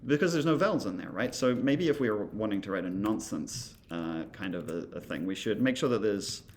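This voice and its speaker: A male instructor casually walking through software, thinking aloud with many fillers and asides. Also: fairly low pitch, lively intonation, brisk.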